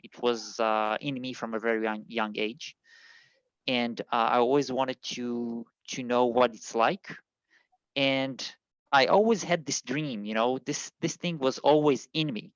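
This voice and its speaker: An Israeli man who works as an immigration consultant answers interview questions haltingly, full of fillers and restarts. His mid-range voice has fairly even intonation and a clean tone, though the recording is muffled, with no echo.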